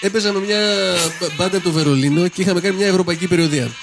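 A man's voice: high-pitched, over music. A man on a casual podcast, a musician, telling a rambling anecdote. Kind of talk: casual storytelling chat.

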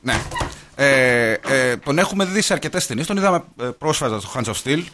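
A man's voice: mid-range voice, expressive, sharp tone, a little hiss or hum. A man co-hosting a casual film podcast, easygoing and chiming in with short remarks. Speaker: podcast co-host.

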